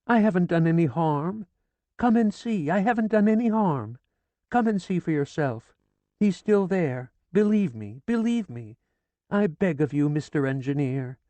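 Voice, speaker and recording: In an audiobook, a reader voices a frantic, grieving older woman in hysterical pleading, shrill and close to screaming. The voice has lively intonation, an unhurried pace and a warm tone, lightly acted in a dry recording.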